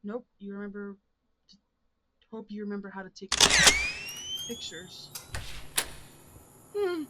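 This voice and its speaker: A woman's voice: expressive, takes it slowly. A woman doing casual, reactive horror game commentary, reading in-game text aloud and breaking in with her own remarks. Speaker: game streamer. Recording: clearly noisy, constant ambient rumble behind voice.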